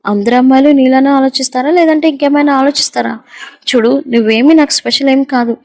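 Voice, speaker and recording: A woman's voice: high voice, quick pace, darkish tone, dry recording. A woman voicing a callous, scornful young man who taunts his lover, in a read-aloud audio story. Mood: contemptuous. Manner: taunting and contemptuous.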